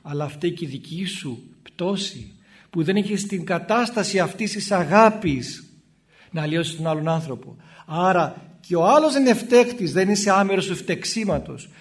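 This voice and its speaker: High-voiced priest giving a lively sermon. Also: male voice. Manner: conversational, acts out little dialogues in shifting voices. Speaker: Orthodox priest. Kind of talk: spoken sermon.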